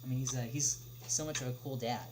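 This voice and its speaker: This young adult livestreamer reads viewer questions and responds off the cuff in a medium-pitched voice with fairly even intonation. His speech is hesitant and halting, full of lengthy filled pauses, and a loud hum runs beneath the recording.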